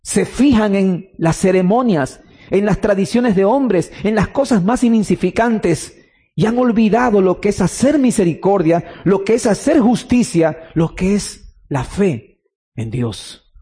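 A man's voice: high voice, animated, a little slow, mellow, breathy edge. A man preaching a sermon with emphasis, repeating key phrases and putting questions to the listener.

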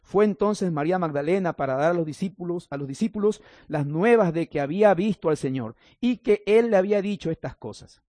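High-voiced male pastor preaching. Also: animated, brisk, warm tone, dry recording. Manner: reads scripture then explains it, with playful asides to the congregation. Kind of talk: sermon.

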